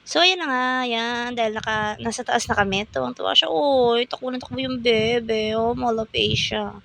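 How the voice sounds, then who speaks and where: A woman's voice: fairly high pitch, steady tone, normal speed, gravelly, fairly bright tone. A young woman, chattily narrating a family day-out vlog in a playful, slangy way. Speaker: vlogger, mother.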